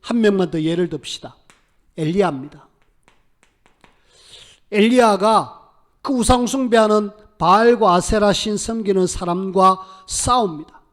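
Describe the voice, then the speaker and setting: A man's voice: high-pitched, a little slow, pauses often, a bit bright. A male pastor preaching a sermon, who acts out the prayers of biblical figures with emphatic, rising delivery.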